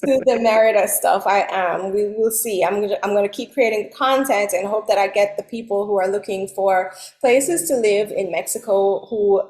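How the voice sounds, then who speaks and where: Woman guest from Jamaica, animated and laughing, mid pitch, roomy recording. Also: moderate pace, hardly any pauses. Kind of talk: casual interview chat.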